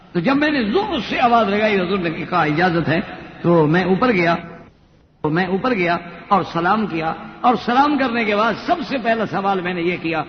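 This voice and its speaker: A man preaching an Islamic sermon, slowing down to chant Arabic verses and acting out the voices he quotes. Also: sits high. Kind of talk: Islamic sermon with Quranic recitation. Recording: echoey hall, dull lo-fi sound, faint noise.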